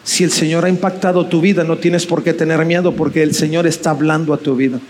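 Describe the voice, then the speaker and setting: High-voiced man preaching with passion. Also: little pitch movement, fast talker, a little mellow, slight background noise. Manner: impassioned, repetitive preaching with rhetorical questions. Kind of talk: sermon. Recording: faint music behind.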